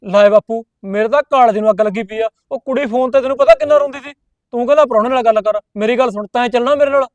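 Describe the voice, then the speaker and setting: An actor playing a hot-headed young village brother who blusters and threatens, speaking with a Punjabi accent. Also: male voice, extremely high pitch, quick pace, dry recording, dull audio. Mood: angry. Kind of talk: village comedy film acting.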